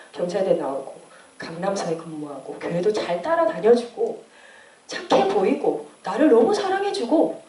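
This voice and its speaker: Woman, late 20s, church testimony. Animated storyteller with a mellow tone. Roomy, distant mic. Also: mid-range voice. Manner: animated storytelling, acting out quoted voices. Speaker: church member giving testimony. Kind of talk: personal testimony. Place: church hall. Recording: echoey room, distant mic.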